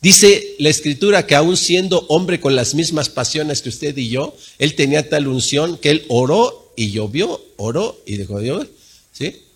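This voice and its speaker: A male pastor preaching a sermon in a husky, slightly high voice. His delivery is animated, with pitch that leaps around widely. He moves from loud emphatic peaks to low, quiet asides. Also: a little slow.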